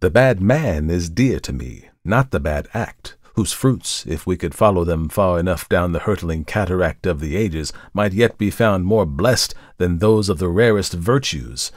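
A man doing a calm, knowing visitor judging a sinner. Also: sits low, no echo, studio quality, pitched below the performer's own voice. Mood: lecturing. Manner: measured, coolly insistent. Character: calm, knowing male visitor who judges a murderer. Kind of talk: dramatic audiobook reading.

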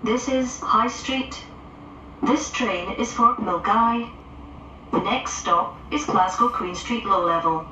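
A woman's pre-recorded voice gives onboard train station announcements over a loudspeaker in a formal, measured manner. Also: highs cut off. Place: inside a moving train carriage. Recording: echoey, distant onboard recording with loud train noise. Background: loud train rumble.

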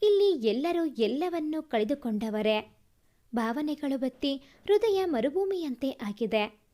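A woman reading a family story aloud as a storyteller, gentle and even. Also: high voice, slow pace. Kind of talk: scripted story narration.

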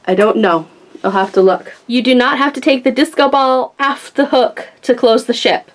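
A woman with a fairly high voice and a moderate pace runs a casual toy review, unboxing and demonstrating it while gushing enthusiastically.

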